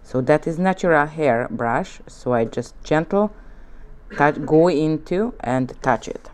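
A native Hungarian speaker with a Hungarian accent walks viewers through a relaxed nail art tutorial at her studio desk, her hands filmed from above. She gives gentle, coaxing instructions, often checking in with "okay?", in a low-pitched voice at a measured pace. Slight background noise is audible.

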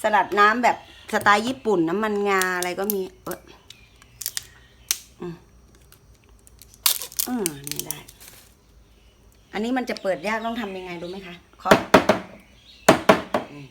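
A woman's voice: medium pitch, measured pace, pauses often, background noise. A woman hosting a casual home cooking video, chatting and explaining as she prepares a salad.

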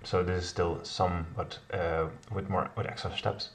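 At measured pace and in a low, level voice, a middle-aged man thinks aloud while live-coding a kata in his home office. He's hesitant, using many fillers and correcting himself along the way. There's clear background noise, keyboard typing and clicks, and he sounds far from the mic.

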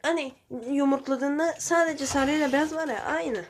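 Talking her audience through her pigeons, a woman keeps things relaxed, frank, and sometimes profane. Her voice is high, her pace normal, and there's slight background noise.

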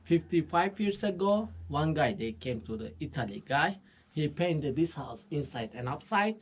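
Poor audio captures a local guide whose fairly high voice is husky and animated. Touring visitors outside and inside a mud-brick house, he explains in brief, broken-English bursts, pausing with fillers.

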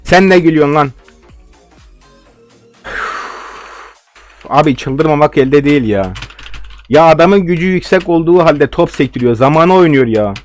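A man's voice: a little high, animated, normal speed, long pauses, faint music behind. A young man giving live game commentary, ranting and swearing in frustration at his opponents. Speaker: gaming video host.

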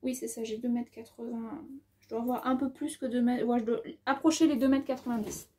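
High, mellow-voiced woman chatting through a haul. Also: fairly even intonation, a little fast. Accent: has an accent of her own. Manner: chatty, thinks aloud while measuring fabric; lots of hesitations and filler words. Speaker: sewing vlogger. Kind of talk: casual haul video chat.

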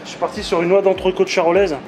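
A man's voice: sits high, quick pace, over music. A man in his thirties, a chef, casually explaining his food with many hesitations. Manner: relaxed, hesitant with many "euh".

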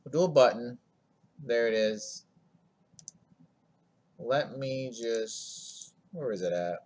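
A man's voice: mid-range voice, animated, takes it slowly, a little mellow, slight background noise. A man hosting a screen-recorded coding tutorial, talking in a laid-back, rambling way full of ums and asides.

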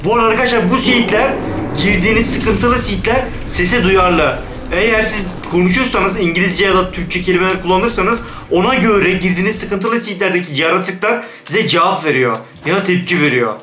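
A young man giving let's-play commentary on a horror game, jumpy, yelping in fright, then talking himself calm. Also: sits high, a little fast, roomy sound, slight background noise. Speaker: gaming YouTuber.

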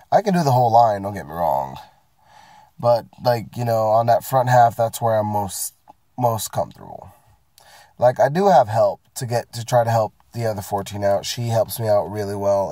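Sitting in his parked car, a vlogger who is getting sick rants casually to the camera about his work week, profane, rambling, and self-mocking. His voice is on the low side and warm, recorded dry with studio quality.

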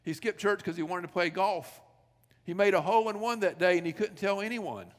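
A man's voice: high-pitched, fairly quick. A male pastor preaching a sermon in a church sanctuary, telling stories, asking rhetorical questions and acting out quoted dialogue. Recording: long reverb of a church sanctuary.

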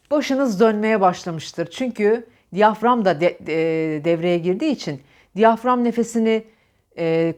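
A Turkish-accented woman leads a diction lesson, voicing each sound in slow repeated drills. She talks straight to the viewer and coaches them on the exercise. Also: mid-range voice. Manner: demonstrates sounds by repeating drill syllables and words. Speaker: diction teacher.

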